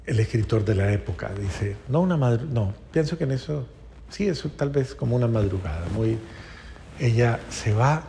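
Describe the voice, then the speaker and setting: A man preaching a homily at mass, telling a story that rises to loud emphatic peaks and drops to soft, low phrases. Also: expressive, moderate pace, vocal fry, a little hiss or hum. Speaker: priest. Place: church.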